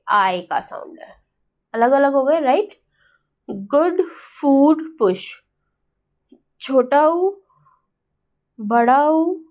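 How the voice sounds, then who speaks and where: A young woman teacher with an Indian accent, a little high in pitch, giving a lesson in very slow, drawn-out phrases. She keeps asking "right?" and "got it?" to check that her listeners follow. The recording sounds dull and lo-fi. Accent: Indian English. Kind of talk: exam-prep lesson mixing Hindi and English.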